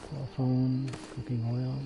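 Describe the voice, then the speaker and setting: A man's voice: mid-range voice, completely flat delivery, unhurried, creaky, over music. A man streaming a game, giving casual, hesitant commentary with many fillers and restarts. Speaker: gaming livestreamer.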